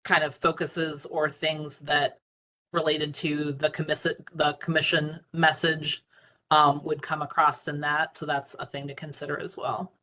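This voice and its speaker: A woman's voice: deep voice, flat delivery, unhurried, pushed and bright. A woman presenting at a meeting over a video call, hedging with fillers. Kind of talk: virtual meeting discussion.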